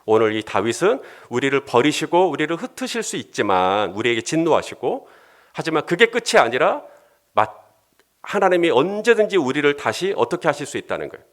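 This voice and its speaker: A male pastor preaching a sermon in an animated way, often acting out bits of dialogue. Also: a little high.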